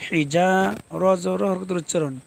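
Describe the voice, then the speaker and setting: A man teaching a live Quran reading lesson, spelling letters and vowel marks and then chanting each word in long drawn-out recitation. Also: high voice, steady tone, vocal fry.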